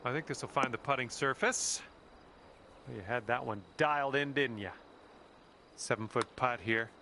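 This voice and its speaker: A cheerful golf caddie. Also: male voice, mid-range voice, normal speed, sharp tone, slight background noise. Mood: encouraging. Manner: upbeat, encouraging, folksy. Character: cheerful encouraging adult male golf caddie. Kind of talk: game voice lines. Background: background music.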